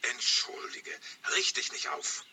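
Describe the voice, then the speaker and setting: A man's voice: slow, sharp tone, slight background noise. An actor playing a vain, forgetful, womanizing poet who keeps mixing up names and brushing off complaints. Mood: evasive. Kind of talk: radio play for language learners.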